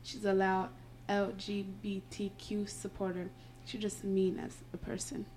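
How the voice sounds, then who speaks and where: Woman, podcast host; casual read-aloud, slight retainer slur, mid pitch. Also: flat delivery, measured pace, darkish tone. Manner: slightly slurred speech from retainers. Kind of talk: casual podcast chat, reading a post aloud. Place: indoors, home recording. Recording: buzzing noise in background.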